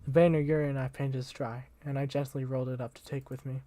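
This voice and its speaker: A man's voice: mid-range voice, little pitch movement, fast talker, warm tone. A young man reading a visual novel aloud as the channel host, casual and slangy, tripping over words now and then.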